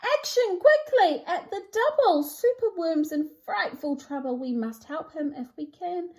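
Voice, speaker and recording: A woman with a very high, expressive voice reads a children's picture book a little slowly. As presenter and storybook reader, she gives it a theatrical, sing-song, rhyming read-aloud.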